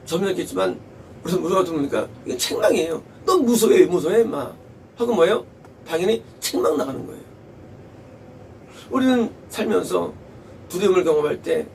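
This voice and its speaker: A man's voice: high-pitched, expressive, fairly quick, creaky, long pauses, darkish tone, far from the mic, a little hiss or hum, low-quality recording. A male pastor preaching a sermon with emphasis, repeating key phrases and asking rhetorical questions.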